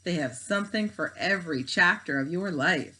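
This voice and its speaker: A woman's voice: on the low side, moderate pace, poor audio. A woman reading aloud, voicing an eager, enthusiastic schoolboy. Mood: excited. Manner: eager, excited. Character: enthusiastic boy, library society president.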